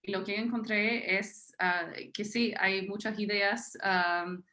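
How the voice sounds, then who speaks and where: On an unscripted panel, a Tennessee historian speaks slowly in a mid-range, steady voice with a sharp tone. She is a native English speaker with an American accent, and her talk is hesitant, littered with fillers and restarts.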